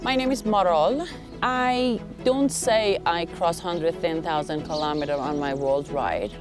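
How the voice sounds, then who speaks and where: Very low-voiced woman traveler. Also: measured pace, music in the background. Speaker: world motorcycle traveler.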